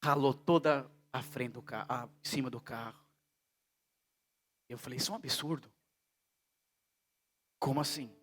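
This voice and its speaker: A male pastor from Brazil preaching a sermon in a church service, telling stories and swinging between hushed and loud delivery. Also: medium pitch, a little slow, pauses often.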